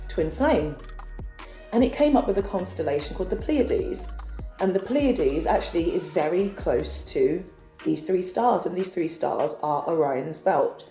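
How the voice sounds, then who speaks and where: In a casual vlog, a woman from England earnestly shares a personal spiritual story in a confessional manner. Her voice sits low and warm, with a reverberant sound.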